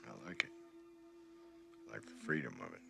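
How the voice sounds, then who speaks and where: An actor playing a middle-aged border patrol agent, dry and laconic. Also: male voice, a bass voice, big pitch swings, moderate pace, creaky, sharp tone, soft background music, exaggerated voice. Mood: weary. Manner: dry, laconic, world-weary. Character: weary veteran male border patrol agent.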